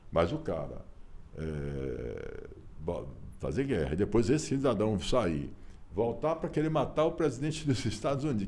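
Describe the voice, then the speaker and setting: Animated Brazilian man in his sixties. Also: on the low side. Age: 60s. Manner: animated storyteller, emphatic, rhetorical questions. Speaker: author and interview guest. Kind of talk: casual conversational interview.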